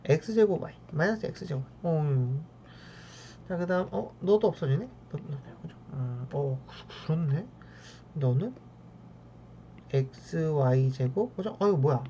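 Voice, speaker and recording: Woman math teacher, low voice, keeps checking in with students, dull lo-fi recording with faint ambient noise. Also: lively intonation, slow pace, warm tone. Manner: keeps checking in with a tag question after each step; talks to the math terms as if addressing them. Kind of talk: lecture working through problems.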